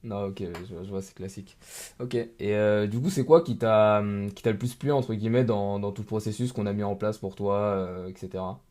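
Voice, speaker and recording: A man's voice: on the low side, steady tone, fairly quick, darkish tone. A young man, a coach, interviewing a client in casual, slangy chat. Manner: informal, slangy.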